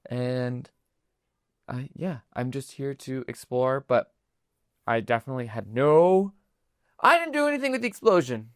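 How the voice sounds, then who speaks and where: A woman voicing a bubbly, friendly dragonborn woman newcomer who gets defensive fast. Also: extremely low pitch, lively intonation, dry recording, clean studio sound. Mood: eager.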